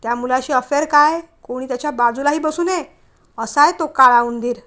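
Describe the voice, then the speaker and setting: A woman's voice: high-pitched, fairly quick. Woman voicing a flustered, spirited young bride-to-be. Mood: indignant. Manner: flustered then sharp, scolding.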